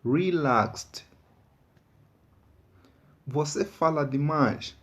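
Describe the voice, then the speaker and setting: A man teaching an online English lesson, patiently repeating each word slowly for practice. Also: on the high side, fairly bright tone.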